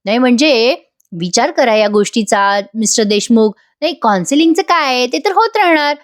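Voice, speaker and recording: A woman reading out the lines of a calm male lawyer in a TV serial, coaxing and persuasive. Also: on the high side, moderate pace, lightly acted. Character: calm older male lawyer giving advice.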